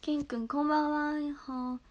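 A woman's voice: sits high, level tone, brisk, highs cut off. A young woman streaming live from home, chatting casually and giggling as she reacts to viewer comments on her phone.

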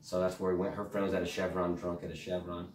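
A young man telling a rambling comic story in casual chat, deadpan with loud bursts. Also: deep voice, fast talker. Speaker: guest comedian. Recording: roomy sound from a distant mic.

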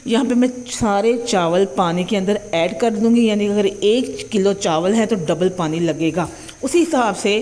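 Chatty and at a normal speed, a young woman with a Punjabi accent teaches home cooking on her channel from her kitchen, regularly checking in with "theek hai ji". Her voice is medium in pitch with a darkish tone.

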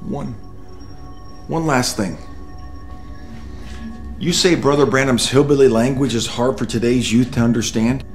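A man plays a stern, indignant pastor who delivers cutting, scornful lines. His voice sits at a middle pitch. The room echoes around him, and faint music plays underneath. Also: unhurried, pauses often, lightly acted.

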